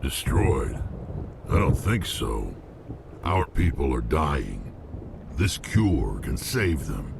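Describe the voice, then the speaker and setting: A man voicing a blunt, brooding, angry alien warrior in a video game, with a gruff, gravelly rumble. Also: sing-song, slow, full character voice. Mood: defiant. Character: angry, gruff alien krogan warrior, loyal but wary. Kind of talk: dramatic video game acting.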